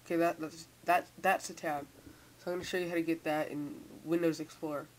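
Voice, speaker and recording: A young teen with a mid-pitched voice talks through a casual, unscripted computer tutorial. The speech is halting and repetitive, a little impeded by a sore, braced mouth. A faint hiss sits behind the home-mic recording. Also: flat delivery. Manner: halting, repeats words. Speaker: software tutorial maker. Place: indoors at a computer. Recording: hissy, noisy home microphone.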